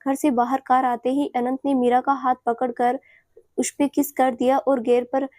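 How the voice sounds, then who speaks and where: A woman narrating a romantic audio story in a steady, even storytelling manner. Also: sits high, normal speed, no echo.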